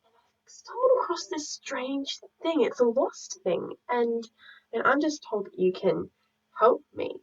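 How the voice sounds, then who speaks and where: A timid, earnest young boy, as a teacher puts him on, stumbling over his words with a raised voice and breathy whispers. The sound is muffled and a little far from the mic. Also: high voice, very animated, voice pushed up, heavily acted. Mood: hesitant. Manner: hesitant, halting, breathy whispers.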